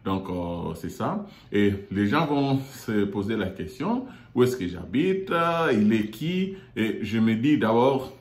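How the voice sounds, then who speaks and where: Man, fairly low voice, halting with fillers, show host, roomy office meeting room. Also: big pitch swings. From Democratic Republic of the Congo. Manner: halting, many fillers and repeated words. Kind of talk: hesitant monologue. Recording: echoey room.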